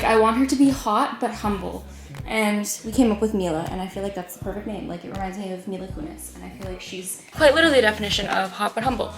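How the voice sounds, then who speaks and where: A woman's voice: medium pitch, roomy sound. A young woman in her twenties chatting casually in a home vlog, upbeat and full of "like" and "um.". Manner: chatty, upbeat, many fillers like "like" and "um". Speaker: vlogger. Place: inside a home.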